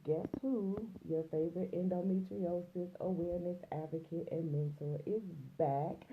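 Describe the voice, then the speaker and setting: Woman host, low-pitched, congested and nasal, chatty livestream delivery, muffled lo-fi audio. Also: steady tone, normal speed, background noise. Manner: chatty, greets viewers by name. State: congested and a little nasal from a cold. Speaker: host of a live broadcast. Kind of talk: casual livestream chat.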